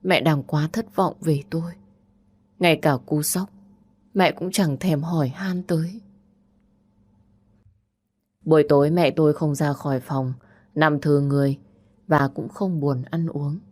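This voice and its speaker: Audiobook narrator: woman, low voice, calm and sorrowful first-person telling. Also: unhurried, long pauses.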